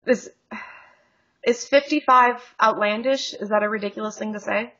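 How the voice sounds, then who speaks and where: A woman's voice: a little high, moderate pace, pushed and bright, dull audio. A woman co-hosting a podcast in casual chat, joking and rambling with frequent laughs, over a video call. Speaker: podcast co-host.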